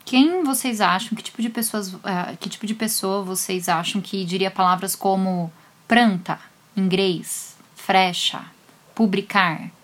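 A woman's voice: mid-range voice, fairly even intonation, normal speed, hardly any pauses, fairly bright tone. A woman with a Brazilian accent, a linguist explaining a lesson directly to her listeners.

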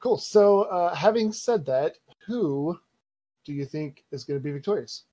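A man's voice: fairly high pitch, expressive, unhurried, dark tone. A man hosting a casual chat, asking brief questions after hesitant starts. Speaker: podcast host.

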